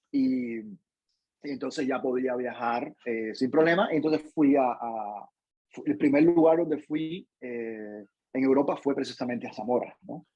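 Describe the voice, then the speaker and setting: A man's voice: medium pitch, mellow, breathy edge, no echo, lo-fi sound. A Cuban man answering interview questions in a thoughtful way, with frequent restarts and tag questions. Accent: Cuban Spanish. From Cuba. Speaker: interview guest, professor.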